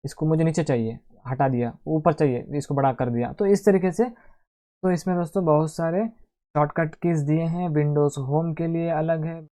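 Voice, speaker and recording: A man's voice: fairly high pitch, fairly even intonation, moderate pace, warm tone. A man hosting a casual screen-recorded computer tutorial, chatting to viewers as friends and talking through each step aloud. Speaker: tech tutorial host.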